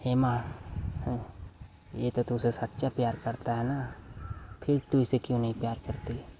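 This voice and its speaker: A man voicing a vengeful female witch spirit who makes loud threats, over a noisy background. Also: medium pitch, flat delivery, a little slow, close to an everyday voice. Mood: gloating.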